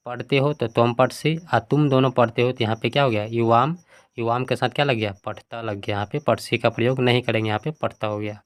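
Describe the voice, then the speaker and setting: A man teaching a textbook lesson who puts each question to his students and then answers it himself, reading word forms out one by one. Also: mid-range voice.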